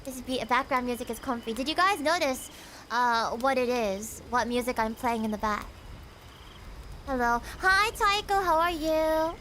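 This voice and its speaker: A woman's voice: high-pitched, unhurried, bright, forceful tone, slight background noise. A young woman from the United States chatting casually on a livestream, greeting viewers in a bubbly, giggly way. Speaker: VTuber streamer and singer.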